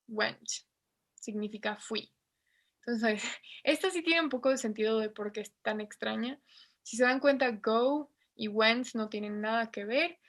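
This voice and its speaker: Slow-talking gravelly woman teacher. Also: fairly high pitch. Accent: Mexican Spanish. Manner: patient, spells out pronunciation, small laughs. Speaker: English teacher. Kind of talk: online class lesson.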